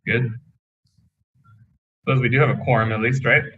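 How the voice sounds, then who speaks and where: A man's voice: medium pitch, fairly even intonation, normal speed, breathy edge. A man speaking casually as commission chair on a video call, heard through laptop speakers. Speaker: commission chair at a public meeting. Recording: dull lo-fi laptop audio, from afar.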